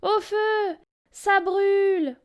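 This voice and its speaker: A woman's voice: fairly even intonation, drawn-out words, muffled recording, full character voice. A woman voicing a timid, crybaby male wolf who wails and whines. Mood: panicked. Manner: high whiny wailing.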